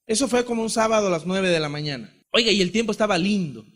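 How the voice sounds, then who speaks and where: High-voiced Ecuadorian man preaching. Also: lively intonation, fast talker, a bit bright. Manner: impassioned, acts out dialogue with God and his brother. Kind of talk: testimony sermon.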